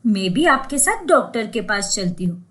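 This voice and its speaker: A woman's voice: on the high side, big pitch swings, moderate pace, a bit bright. A woman doing a nervous young daughter-in-law. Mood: polite.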